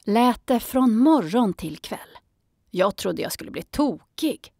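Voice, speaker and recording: A woman narrating a children's audiobook in a calm storytelling manner. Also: medium pitch, gravelly, no echo, clean studio sound.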